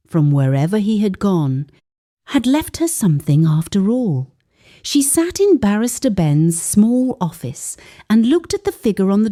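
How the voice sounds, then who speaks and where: Speaking at a medium pitch with a mellow quality, a woman reads a scripted dramatic story solemnly and at a measured pace, using deliberate pauses to add emphasis.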